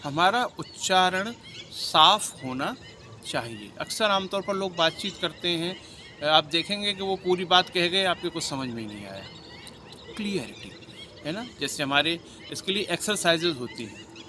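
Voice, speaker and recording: A man explains voice and diction in a casual acting lesson, his pitch on the higher side and swinging a lot. He demonstrates sounds and lines with clear shifts in loudness. The recording is noisy, with outdoor ambience and birdsong. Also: lively intonation, normal speed. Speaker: acting teacher.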